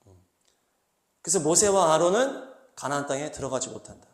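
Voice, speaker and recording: A male pastor preaching a sermon, acting out angry outbursts and questions in an animated way. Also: a little high, a little fast, echoey room. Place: small church hall.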